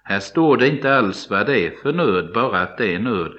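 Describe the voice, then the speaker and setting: A man's voice: lowish voice, animated. A man giving a devotional Bible study sermon, speaking earnestly and directly to the listener in a pastoral way. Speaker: preacher. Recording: dull lo-fi broadcast recording.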